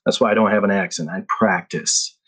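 Telling stories loosely on a podcast, this Filipino man in his thirties keeps restarting and breaking into laughs. He talks briskly in a low, husky voice with a fairly bright tone.

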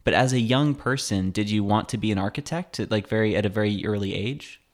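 A man's voice: on the low side, fairly quick, slight background noise. A man interviewing a guest, asking short prompting questions and murmuring along.

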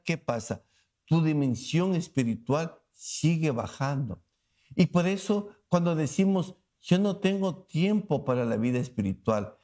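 Male preacher, high voice, lively sermon delivery with rhetorical questions to the congregation. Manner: animated, asks the listeners rhetorical questions and acts out scenes.

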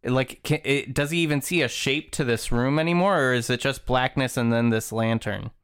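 A man's voice: mid-range voice, normal speed, a bit bright, clean tone. A man playing a tabletop game, casually talking through what his character does.

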